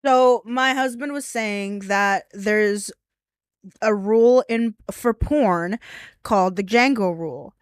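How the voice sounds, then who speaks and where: A woman's voice: medium pitch, slow pace, clear, resonant tone, no room sound, studio quality. A mildly drunk woman chats casually and crudely as she hosts a livestream, rambling as she goes. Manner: tipsy, rambling, crude-humoured. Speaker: livestream host.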